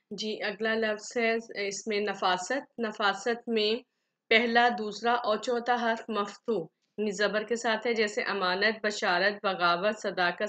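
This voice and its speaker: Bright-voiced woman teaching Urdu grammar. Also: a little high. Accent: Pakistani Urdu. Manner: methodical, lists example words one by one. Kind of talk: classroom lecture.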